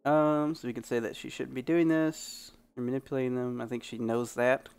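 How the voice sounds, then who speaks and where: Allergy-hoarse guy narrating a game, self-deprecating, rough throat. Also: mid-range voice, steady tone, normal speed, a little mellow. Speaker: gamer playing blind. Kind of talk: let's play commentary and reading game text.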